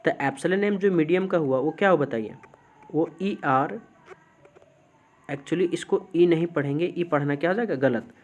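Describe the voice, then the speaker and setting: Through a muffled recording comes a physics lecture from a male teacher whose fairly high voice has a darkish tone. He repeatedly quizzes the class, supplies the answers himself, and slows to dictate definitions.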